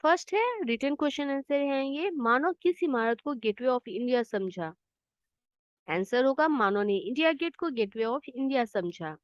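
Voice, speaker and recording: Woman, teacher, patient, children's lesson, slightly high voice, muffled recording. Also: expressive, measured pace, no echo. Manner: patient, explains words in English. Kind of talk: children's Hindi lesson, explaining answers. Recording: dull, slightly muffled dry sound.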